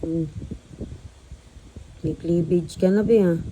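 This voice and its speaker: A woman's voice: on the low side, fairly even intonation, slow, mellow. A mother talking baby talk to her infant in a coaxing, sing-song, cooing way. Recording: noisy home video.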